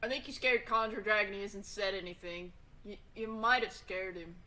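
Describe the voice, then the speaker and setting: A woman's voice: mid-range voice, steady tone, moderate pace, pushed and bright. A woman from Massachusetts, a streamer chatting casually, teasing and swearing freely with a laugh. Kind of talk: casual chat.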